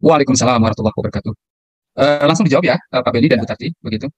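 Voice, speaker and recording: A man's voice: medium pitch, rapid-fire, breathy edge, no echo. A man who trains people in event protocol, answering questions in an online meeting and repeating his key points as he explains. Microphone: video call.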